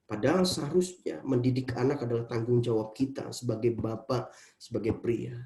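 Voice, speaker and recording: A middle-aged pastor delivers an earnest sermon in a warm, mellow voice, calling out to his listeners and climbing high in pitch when he drives a point home. The sound carries through a roomy, echoing church hall. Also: steady tone, normal speed.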